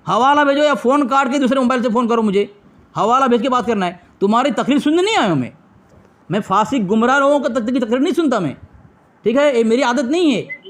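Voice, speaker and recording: Insistent high-voiced man scolding on a call. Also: expressive, fast talker, a bit bright. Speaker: debater. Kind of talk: heated phone debate.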